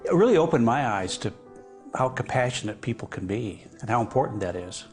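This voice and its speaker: An older man giving a reflective television interview, measured and hesitant, with frequent pauses and fillers. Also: medium pitch, lively intonation, darkish tone, faint music behind. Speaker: interview guest.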